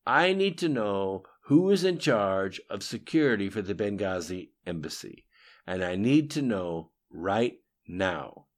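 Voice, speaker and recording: Casting: man doing a pressured male ambassador, insistent, clipped, raised above his low voice. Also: expressive, a little slow, natural voice. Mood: urgent, insistent. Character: urgent, commanding male ambassador under pressure.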